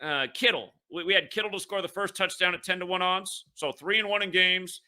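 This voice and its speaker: A man with a bright, tense, slightly high voice holds forth on his own show. He rants in an aggrieved, repetitive way, swears often and keeps stammering over the same words. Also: fairly quick, clear, resonant tone. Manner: repetitive, aggrieved ranting with frequent profanity. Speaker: online sports betting show host. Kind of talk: casual livestream monologue.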